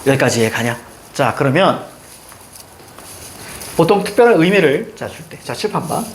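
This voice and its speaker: A middle-aged man from Seoul lectures a classroom on grammar. His voice sits high and swings widely in pitch as he chats and teases his students. Faint room noise hangs behind him. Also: moderate pace, roomy sound. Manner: lively, chatty, teasing asides to students. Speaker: Korean grammar teacher.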